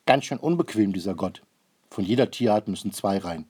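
This is a gruff, distracted old man building an ark in a read-aloud storybook, played by a man. He is loud, blunt and impatient, with a low, husky voice. His pitch moves a lot even when he grumbles. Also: brisk.

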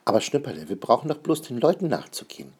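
Man reading as a chill patient dad, reassuring, a bit husky. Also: mid-range voice, very animated, fast, pitched above the performer's own voice. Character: calm good-natured father.

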